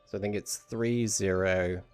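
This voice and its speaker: A man's voice: deep voice, a little slow, soft background music. A man streaming a video game, thinking aloud in casual commentary as he plays. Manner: thinking aloud, muttering to himself.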